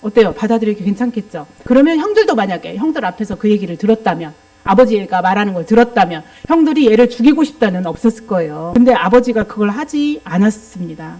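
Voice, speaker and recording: A woman's voice: mid-range voice, very animated, fast talker, mellow. A woman preaching a sermon that mixes in psychology teaching, explaining patiently and often asking the congregation rhetorical questions.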